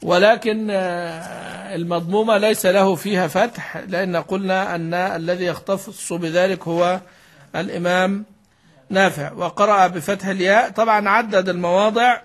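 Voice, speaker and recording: High-voiced man explaining recitation rules. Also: steady tone, normal speed, fairly bright tone. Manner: explains patiently, repeats key words, asks and answers himself. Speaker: sheikh teaching Quran recitation. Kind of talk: classical Arabic lesson commentary.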